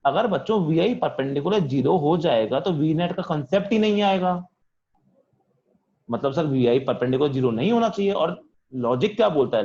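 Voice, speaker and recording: A man's voice: a little high, warm tone, dull audio. A man teaching physics in an online class, asking questions and answering them in a student's voice, calling on students by name. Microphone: video call.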